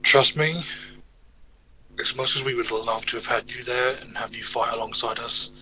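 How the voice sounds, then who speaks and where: A man's voice: medium pitch, steady tone, moderate pace, sharp tone. A man playing a tabletop game, bantering informally in and out of character with plenty of swearing. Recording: noisy room ambience.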